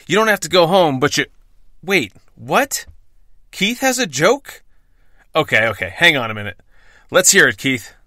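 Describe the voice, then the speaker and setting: An American man hosts with brash, wry patter in a scripted sign-off style. His voice is bright and forceful, on the high side, and recorded very dry. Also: dry recording. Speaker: bartender and podcast host. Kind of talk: scripted podcast intro and outro.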